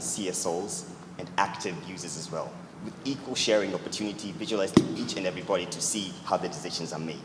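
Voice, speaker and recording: Deep-voiced founder fielding judge questions; earnest, leans on "actually"; long reverb from a big hall. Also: male voice, background noise. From Tanzania. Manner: earnest, repeats "actually" often. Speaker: startup founder answering judges. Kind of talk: pitch Q&A answer. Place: event hall. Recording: echoey hall with loud ambience.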